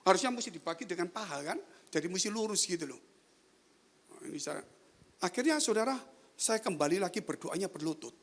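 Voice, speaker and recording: A man's voice: high voice, expressive, fairly quick, long pauses, fairly bright tone. Male pastor, sermon, conversational delivery, speaks straight to the congregation. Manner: conversational preaching, often addressing listeners directly.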